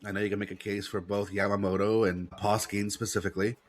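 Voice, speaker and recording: A man's voice: fairly low pitch, flat delivery, fast talker. An American man hosting sports talk, congested with a head cold and breathing through his mouth, repeating his points for emphasis. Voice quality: stuffy-nosed.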